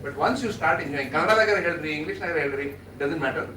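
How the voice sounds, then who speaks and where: A man's voice: a little high, rapid-fire, bright, forceful tone. A man with an Indian accent from Karnataka moderating a panel, giving informal, encouraging closing remarks and often repeating himself. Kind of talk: informal closing remarks, mixing English with Kannada. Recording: echoey hall, audience noise, distant mic.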